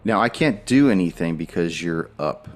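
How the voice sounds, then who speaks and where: Low voiced guy running a tabletop rpg as game master, soft music underneath. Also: animated, normal speed. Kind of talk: narrating a tabletop role-playing game.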